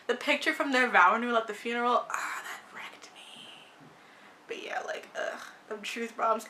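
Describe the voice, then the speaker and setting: Blunt, bright-voiced young woman. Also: fairly high pitch. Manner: blunt, sarcastic, swears freely, lots of "like". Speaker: TV show reviewer. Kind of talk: casual opinionated review chat.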